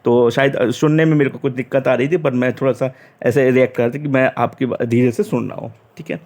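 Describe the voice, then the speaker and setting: A man's voice: medium pitch, steady tone, fairly quick, darkish tone. A young man from Uttar Pradesh, chatty, recounting his job interview and retelling the dialogue with frequent restarts. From Uttar Pradesh, India. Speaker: interview candidate recounting experience. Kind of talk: casual storytelling.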